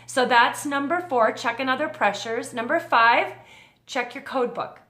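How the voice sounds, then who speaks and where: A woman's voice: high voice, unhurried, sharp tone, roomy sound. A middle-aged woman hosting a short talk for mothers, talking through a numbered list of advice in a friendly, conversational way. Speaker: host.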